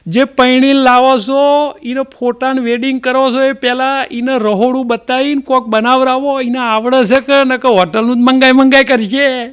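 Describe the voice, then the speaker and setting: Male stand-up comic with a Mehsana Gujarati accent, high and smooth voice, folksy and chatty. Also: fairly even intonation, normal speed, hardly any pauses, fairly bright tone. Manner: folksy, chatty storytelling with dialect fillers. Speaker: comedian. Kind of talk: stand-up jokes.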